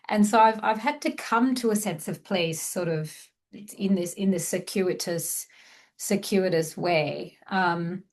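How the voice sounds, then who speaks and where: A woman from Malaysia, a guest writer, talking reflectively about her craft with many fillers and restarts. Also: fairly low pitch. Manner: reflective, meandering, with frequent fillers. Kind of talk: conversational craft discussion.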